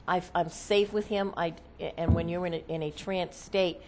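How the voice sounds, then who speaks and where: Female seance medium, lower-pitched, casual and halting explainer, seeks confirmation often, some background noise. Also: fairly even intonation, darkish tone. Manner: seance medium talking plainly about channeling, haltingly, often checking with "okay?". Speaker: trance channeler, seance medium being interviewed.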